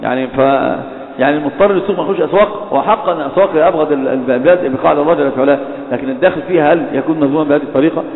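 A man delivers a religious lecture at a rapid clip, pausing often to correct himself. His voice sits a little high. It comes through a tinny, phone-like line with long hall reverb. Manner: frequent hesitations and self-corrections. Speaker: lecturer on hadith criticism.

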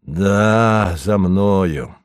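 A man voicing a bitter, grumbling middle-aged landowner in an audiobook, speaking slowly and sourly. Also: medium pitch, expressive, vocal fry, dry recording, studio quality, full character voice. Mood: gloomy. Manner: slow, sour, sententious. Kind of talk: audiobook character reading.

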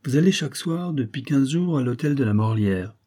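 A man's voice: medium pitch, expressive, a little fast, dark tone, pitched above the performer's own voice, lightly acted. A man playing a cunning, knowing adventurer. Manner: knowing, insistent, commanding. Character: cunning disguised adventurer, sure and mysterious.

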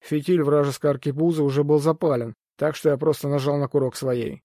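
Guy narrating an audiobook, mellow voice, bit higher pitched, dry close mic. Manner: steady, measured storytelling. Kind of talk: scripted first-person narration.

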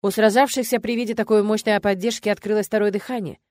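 A woman narrating a first-person fantasy audiobook in an expressive, lively way. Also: medium pitch, quick pace, dry recording. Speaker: audiobook reader.

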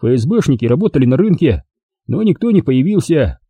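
A man voicing a brutal, loud army brigade commander who talks harshly and threateningly in an audiobook. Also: medium pitch, big pitch swings, fairly quick, slightly rough, no echo, voice pushed up. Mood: reporting. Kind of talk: audiobook character voice.

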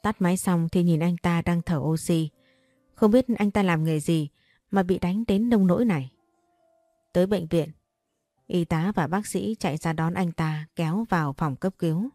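Woman reading a story out loud, low mellow voice, dry close mic, soft music behind. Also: moderate pace, no room sound. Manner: reads every character's lines in her own voice. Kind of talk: first-person audio story narration.

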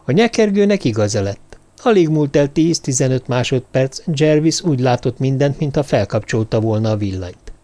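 Man calmly reading a novel aloud. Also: mid-range voice. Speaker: audiobook reader. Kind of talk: scripted narration.

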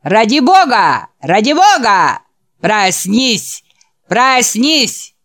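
A woman voicing a mob of male trolls shouting mocking taunts, higher and louder than her narration. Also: sing-song, very slow, full character voice. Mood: jeering.

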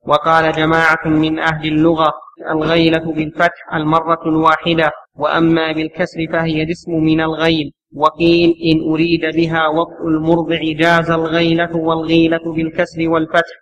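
High, monotone man reading aloud. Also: fairly quick, hardly any pauses, muffled recording. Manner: steady recitation of a written text. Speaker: student reading the text aloud. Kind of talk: reading a text aloud in class.

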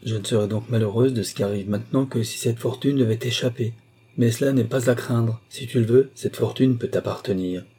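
A man's voice: medium pitch, brisk, warm tone, breathy edge. A man voicing a middle-aged mother who presses her son with insistent, persuasive arguments.

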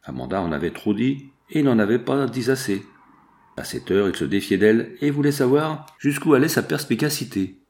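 A man narrating a classic novel as an audiobook reader, measured and steady. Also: mid-range voice.

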